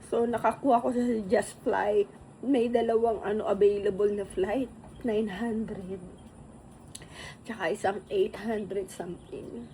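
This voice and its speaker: A middle-aged woman telling a personal story in a halting, tearful way, with many restarts and fillers. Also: medium pitch, steady tone, mellow, a little hiss or hum.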